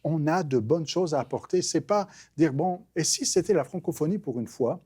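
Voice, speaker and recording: Earnest higher-pitched man preaching. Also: animated, moderate pace, mellow, slightly rough. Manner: earnest, emphatic, with frequent restarts.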